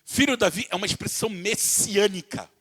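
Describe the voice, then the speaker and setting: A Brazilian pastor with a high voice preaches with passion. He often speaks to his listeners as dear ones. His tone is bright and forceful. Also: a little fast, breathy edge. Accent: Brazilian Portuguese. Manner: impassioned preaching, calls listeners "querido", acts out voices from the text. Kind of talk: sermon.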